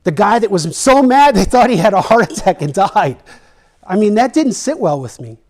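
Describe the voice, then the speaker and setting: A man's voice: sits high, big pitch swings, normal speed, darkish tone. A middle-aged man from Texas, an educator telling a personal story in a presentation, earnest and emotional, repeating phrases for emphasis.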